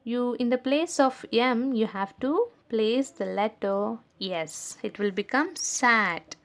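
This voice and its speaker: A woman teacher giving a slow, patient recorded lesson to young children, stressing key words and checking understanding. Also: on the high side.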